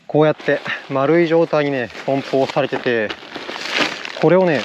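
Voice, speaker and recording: A man's voice: a little high, measured pace, dull audio, noisy background. A man with a slight Kansai accent, talking casually and cheerfully to the camera as a fishing vlogger outdoors, laughing often. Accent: slight Kansai dialect. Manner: upbeat, excitable, laughs often. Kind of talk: casual outdoor vlog narration. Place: outdoors on an island shore.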